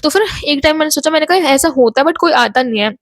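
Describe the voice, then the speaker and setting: Young woman vlogger, high-pitched, chatty story-time rambler, dry close sound. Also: fast, no echo. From Ghaziabad, North India. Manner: chatty, rambling, mixes Hindi and English.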